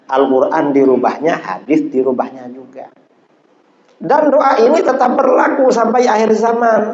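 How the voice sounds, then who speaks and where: A middle-aged man preaching a sermon, telling stories and rising sharply in pitch to drive his points home. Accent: Indonesian. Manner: animated storytelling, rising sharply for emphasis. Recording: echoey hall, dull sound.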